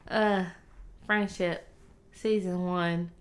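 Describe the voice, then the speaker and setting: A tired woman co-hosting a casual podcast chat, speaking quietly with a fading delivery and casual swearing. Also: lowish voice, fairly even intonation, very slow. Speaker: podcast co-host.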